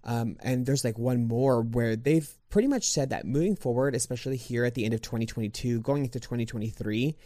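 A man's voice: mid-range voice, fairly quick, hardly any pauses, dark tone, no room sound. Man, casual podcast chat, rambling with fillers, dry close sound. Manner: rambling, full of fillers and restarts. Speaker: podcast co-host.

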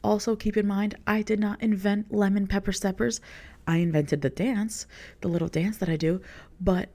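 A woman's voice: medium pitch, fairly even intonation, moderate pace, warm tone. A young woman, a content creator, talking casually in a rambling podcast monologue, filling her sentences with "like". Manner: rambling, heavy use of "like" as filler.

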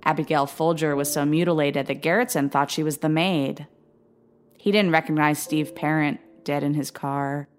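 A woman narrating a true-crime story in a measured, grave, scripted way. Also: sits low, steady tone. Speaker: podcast narrator.

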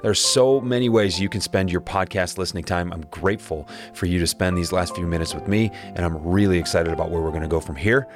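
A man hosting his podcast alone, speaking in an earnest, encouraging way with a raspy voice today. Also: low-pitched, quick pace, hardly any pauses, music in the background. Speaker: podcast host. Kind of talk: solo podcast monologue.

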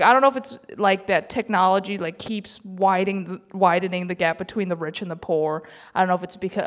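A young woman comedian telling a self-mocking story on stage at a live event, chatty and laughing through her lines. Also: mid-range voice.

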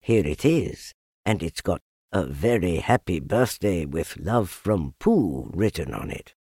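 A man's voice: deep voice, animated, unhurried, dark tone, husky, dry recording, clean studio sound, pitched below the performer's own voice, full character voice. A man voicing a kindly, simple, cheerful toy bear who explains things earnestly in a storybook reading.

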